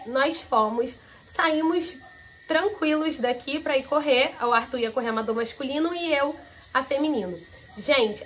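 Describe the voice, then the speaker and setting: Female vlogger, Rio de Janeiro state accent, high voice, informal and expressive, faint background noise. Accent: Brazilian, Rio de Janeiro state. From Araruama, Rio de Janeiro state, Brazil. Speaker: vlogger, amateur competitive rider. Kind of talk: casual improvised vlog chat.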